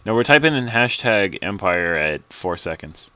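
Low-ish male gamer on voice chat, jokey, quick to laugh and shout. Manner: laughs often, excited outbursts. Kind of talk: casual gaming chat.

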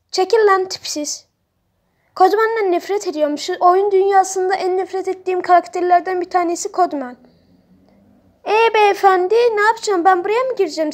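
A woman giving excitable, blunt let's-play commentary, trash-talking other players. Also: very high voice. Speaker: gamer playing on a role-play server.

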